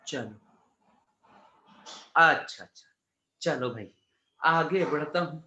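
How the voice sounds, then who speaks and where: Teaching exam prep, this man speaks slowly in a slightly high, bright and forceful voice with lively intonation. He's chatty and casual, addresses students as "beta," and slips in jokes and asides, recorded in an echoey room with slightly dull sound.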